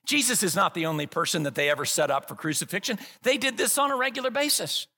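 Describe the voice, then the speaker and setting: A man preaching a sermon as pastor, swinging from low hushed passages to loud shouted climaxes. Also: lively intonation, quick pace. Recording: long hall reverb.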